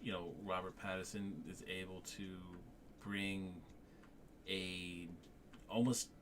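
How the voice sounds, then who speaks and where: Low-voiced rambling man chatting about films. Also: level tone, slow pace, fairly bright tone, a little hiss or hum. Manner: rambling, many restarts, crude jokes. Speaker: co-host reviewing a film. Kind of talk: casual chat.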